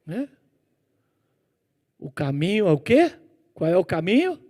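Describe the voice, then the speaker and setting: A man's voice: high voice, big pitch swings, a little slow, a little mellow. A middle-aged pastor from Brazil preaching in a church, telling a personal story with sound effects and turning to question his congregation.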